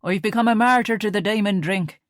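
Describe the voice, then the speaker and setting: Woman reading as a happy-go-lucky young man, audiobook, teasing, low-set voice, dry sound. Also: normal speed, no room sound. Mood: jaunty. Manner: playful, teasing, loud and lively. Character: young man, cheerful joking kid brother.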